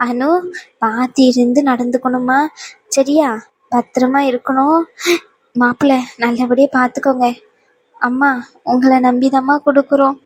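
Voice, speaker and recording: Woman voicing a calm firm older aunt. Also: high voice, moderate pace, long pauses, husky, dry recording. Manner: steady, firm and consoling.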